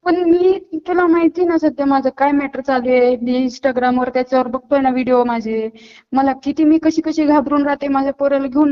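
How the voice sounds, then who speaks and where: A woman on a phone call, panicked and pleading, later scolding the caller. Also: high voice. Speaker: prank call target.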